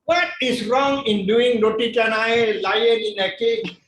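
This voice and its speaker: A man's voice: extremely high pitch, unhurried, a bit bright. A man teaching public speaking at a club meeting, joking and often checking in with the room. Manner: joking, keeps checking in with "okay?". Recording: echoey room, mic far off, faint noise.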